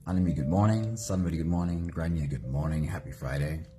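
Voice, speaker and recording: Low mellow guy leading a meditation live, slow and gentle. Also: faint music behind. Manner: slow, gentle, greets viewers by name. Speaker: meditation host.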